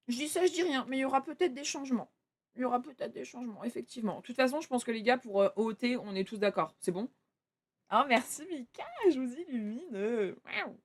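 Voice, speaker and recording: A young woman streaming live, chatting casually with her viewers and swearing offhandedly. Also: medium pitch.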